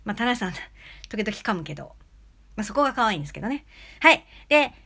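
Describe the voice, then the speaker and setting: A woman hosting a casual solo podcast lesson, talking close to an angled mic and demonstrating shifts in speed, pitch and loudness. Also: big pitch swings, quick pace, creaky, heavy background noise. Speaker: podcast host giving recording tips. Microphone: close mic about ten centimeters away, angled.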